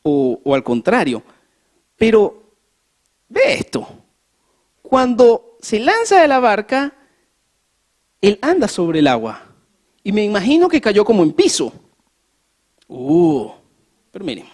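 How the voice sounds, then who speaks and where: Preacher mid-sermon, animated storyteller, rhetorical questions to the congregation. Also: mid-range voice, a little slow, long pauses. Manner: acts out scenes with rising emphasis. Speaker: pastor. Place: church.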